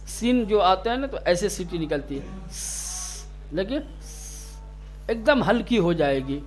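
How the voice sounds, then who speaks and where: A man's voice: sits high, lively intonation. A man teaching Quran letter pronunciation to a class, stretching out sounds to demonstrate them and sternly scolding students who drift off.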